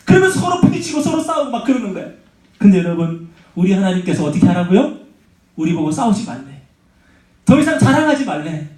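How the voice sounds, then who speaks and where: A man preaching to high school students, animated, asking questions and having the room repeat after him. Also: fast, long pauses, distant mic. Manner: animated, asks the audience questions and has them repeat. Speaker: youth pastor. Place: church sanctuary. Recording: echoey church hall.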